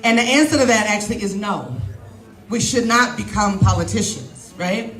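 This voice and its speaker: A woman with a medium-pitched, slightly bright voice speaks at a moderate pace. She's a political candidate delivering an emphatic, off-the-cuff rally speech, laughing often, in a large indoor event hall. The recording echoes, with crowd noise and music.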